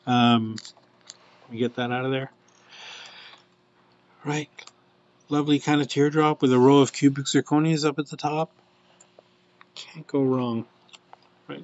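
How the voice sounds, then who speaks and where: A man's voice: mid-range voice, dry recording. Male host, casual live product showcase, rambling, lots of ums, muffled lo-fi sound, dead dry room. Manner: chatty and rambling, with many fillers.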